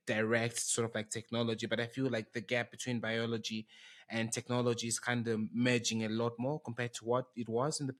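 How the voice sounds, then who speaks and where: A young man hosting a podcast interview, rambling a little and saying "nice" often. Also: mid-range voice. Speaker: podcast host. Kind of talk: casual interview. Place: warm-lit room indoors. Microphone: studio microphone on a boom arm with headphones.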